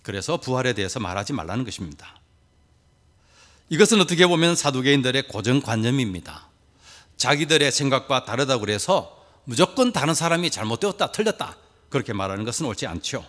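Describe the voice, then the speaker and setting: Pastor preaching with lively pitch. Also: male voice, brisk, long reverb tail. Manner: asks the congregation rhetorical questions, folksy humorous asides. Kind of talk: sermon.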